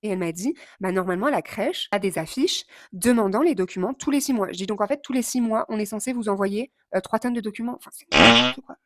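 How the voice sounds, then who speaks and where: Animated woman telling a story. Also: mid-range voice, fast, hardly any pauses, no room sound. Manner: animated, impulsive, swears and mimics others. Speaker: vlogger. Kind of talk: casual storytelling vlog.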